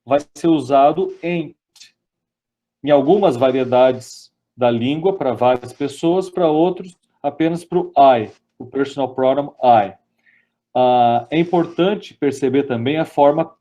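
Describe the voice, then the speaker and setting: Mellow-voiced Brazilian man teaching grammar. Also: medium pitch. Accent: Brazilian Portuguese. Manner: explains step by step, reads out English examples slowly. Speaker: lecturer. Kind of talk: webinar grammar lesson.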